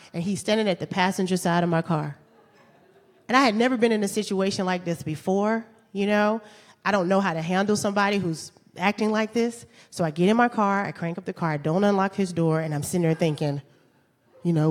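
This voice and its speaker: A woman telling a true story on stage, animated and laughing, with comic asides. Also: on the low side. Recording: live stage with long hall reverb.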